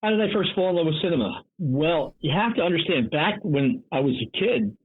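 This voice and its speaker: A man in his late seventies chats eagerly as an interview guest, his voice pitched a little higher than most men his age. The sound is husky and comes through a thin, phone-like call line. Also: a little fast. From North Jersey. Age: 70s. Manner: energetic, chatty storyteller. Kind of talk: interview conversation.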